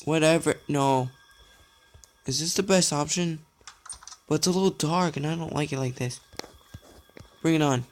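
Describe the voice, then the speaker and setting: A man's voice: a little high, normal speed, pauses often. A young man giving let's play commentary, talking to himself and getting frustrated as he goes. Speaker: gamer.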